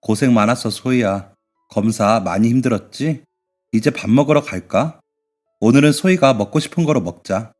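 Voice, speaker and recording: A man voicing a gentle middle-aged stepfather who comforts his daughter in a radio drama. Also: mid-range voice, moderate pace, faint music behind, lightly acted. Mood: comforting.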